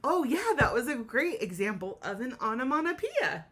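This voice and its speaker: Her voice is a little high with a breathy edge, at a moderate pace, as this woman teacher reads a storybook to children. She brings energy and expression, talking straight to the kids with questions and explanations.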